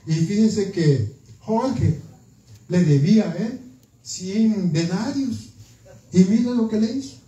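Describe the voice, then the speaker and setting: A man voicing a pair of tattling servants, gossipy and low-pitched, confiding in a slow, drawn-out way, from across an echoey church. The voice sits well below the preacher's own pitch. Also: animated, dark tone, distant mic. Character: fellow servants tattling to their master, men.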